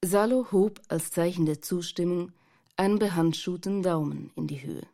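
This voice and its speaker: A woman reading a novel aloud in calm, even scripted narration. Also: on the low side, moderate pace. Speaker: audiobook narrator.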